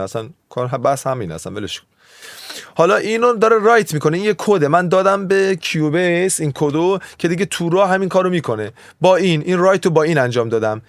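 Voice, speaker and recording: Casting: slightly high-voiced man, music producer teaching mixing, loose and digressive, dry room. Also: dry recording. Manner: chatty, digressive, often waves off his own tangents. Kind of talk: casual screen tutorial.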